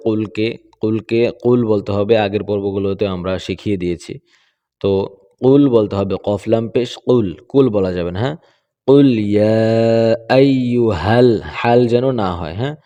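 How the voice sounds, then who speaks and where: A man's voice: lowish voice, warm tone, dull audio. A man from Bangladesh, a Quran teacher, patiently correcting pronunciation step by step and checking in with his students.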